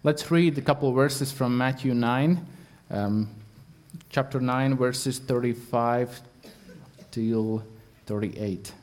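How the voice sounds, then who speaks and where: This man, Latvian by first language and accent, gives a guest sermon in faltering English, earnest throughout and filled with fillers. His mid-range voice is a little mellow.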